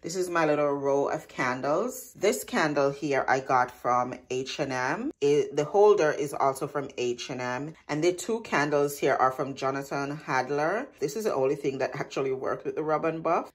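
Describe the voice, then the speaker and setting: A woman narrating her home makeover in a chatty, relaxed way, talking straight to her viewers. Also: deep voice. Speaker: DIY vlogger. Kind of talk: casual voice-over narration.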